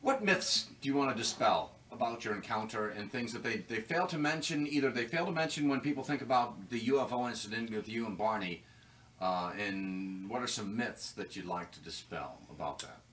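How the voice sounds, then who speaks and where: A man interviewing a guest in a casual, halting way with frequent restarts. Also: fairly low pitch, lively intonation, fairly bright tone, low-quality recording. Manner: halting, restarts often, fills with uh. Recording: off-mic with faint background noise.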